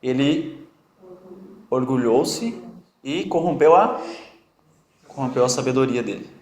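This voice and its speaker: A man with a medium pitch and a slow pace teaches a Bible study class in an echoey room, speaking with a strong non-native Portuguese accent. His interactive teaching is lively and jokey, as he quizzes the group and teases his students.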